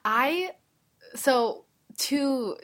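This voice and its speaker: A woman's voice: high voice, expressive, drawn-out words, a bit bright. A woman with a nasal voice co-hosting a casual chat, talking with lots of "like" fillers. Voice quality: nasal right now. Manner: chatty, with many "like" fillers. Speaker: podcast co-host.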